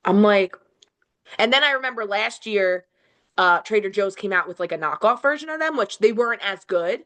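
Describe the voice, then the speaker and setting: A young woman co-hosting a podcast, ranting in an animated, exasperated way with casual swearing. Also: mid-range voice, normal speed. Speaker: podcast co-host. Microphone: home recording, on camera.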